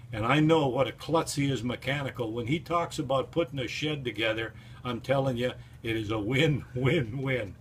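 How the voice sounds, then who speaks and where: An older man tells stories about an old friend in a casual, folksy way. His tales ramble along with plenty of fillers and asides, and his voice sits at an ordinary middle pitch. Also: a little hiss or hum. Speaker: friend giving a book endorsement. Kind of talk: casual storytelling.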